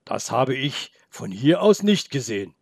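A man voicing a calm, curious male wolf with a rough, gravelly voice, speaking slowly in a storybook reading. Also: mid-range voice, dry recording, clean studio sound, full character voice.

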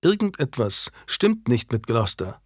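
A man voicing a sharp-tongued noblewoman, a wronged wife who turns scornful and biting, in an audiobook. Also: mid-range voice, sing-song, moderate pace, breathy edge, dry recording, studio quality. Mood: tense. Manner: scornful, biting, rising to shouted accusations. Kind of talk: audiobook character reading.

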